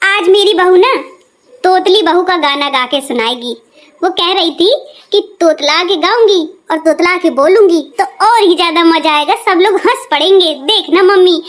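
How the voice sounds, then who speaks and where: Woman as a cartoon mother-in-law, middle-aged, fretful, scolding, very high pitch. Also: normal speed. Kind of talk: cartoon voice acting.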